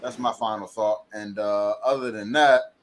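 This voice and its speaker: A man's voice: lowish voice, fairly even intonation, normal speed, a little hiss or hum. A man co-hosting a casual podcast, earnest and stammering over his words. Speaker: podcast co-host. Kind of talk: casual live podcast chat.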